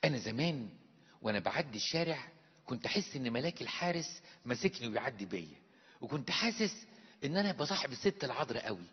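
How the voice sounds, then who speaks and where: A man's voice: medium pitch, very animated, quick pace, slightly rough, long reverb tail, lo-fi sound. A male priest with an Egyptian accent, preaching an emphatic sermon full of rhetorical questions. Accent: Egyptian Arabic. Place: church.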